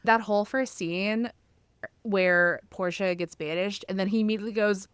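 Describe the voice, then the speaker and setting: A woman producing a podcast, chatting casually and building her arguments quickly on a close mic. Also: medium pitch, steady tone, clean tone, no echo. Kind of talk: casual chat.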